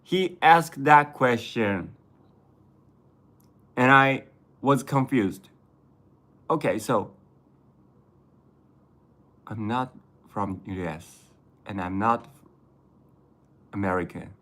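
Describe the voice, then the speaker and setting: Japanese guy w/ accent livestreaming, slow easygoing talk, keeps stopping n restarting words. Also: fairly low pitch, fairly bright tone. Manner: halting, self-correcting, laughs often. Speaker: vlogger reading live chat. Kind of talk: casual livestream chat.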